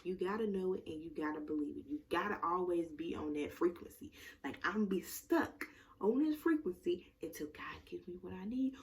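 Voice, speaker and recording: A woman's voice: medium pitch, creaky, recorded from a distance. Rambling, casual woman recapping a show. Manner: rambling, profane, full of fillers. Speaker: tarot reader recapping a reality show. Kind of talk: casual chat.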